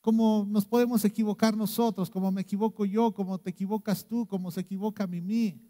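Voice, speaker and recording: A middle-aged man with a Mexican accent preaching a sermon, swinging between loud outbursts and hushed low lines. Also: fairly even intonation, brisk. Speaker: pastor. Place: church. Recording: long reverb of a church hall.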